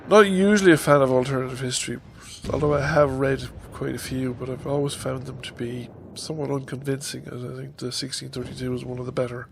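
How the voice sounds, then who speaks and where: A medium-pitched, steady male voice with vocal fry rushes along with hardly any pauses, a little hiss or hum in the recording. The speaker, an Irish YouTuber in his fifties stuffed up from a head cold, rambles hesitantly, ums frequently, and delivers a casual vlog update into his desk microphone on a stand.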